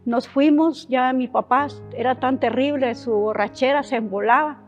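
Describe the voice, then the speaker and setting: A woman from Honduras sharing a personal testimony, telling her story in a halting, emotional way with many restarts. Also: sits high. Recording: dull lo-fi sound with faint music.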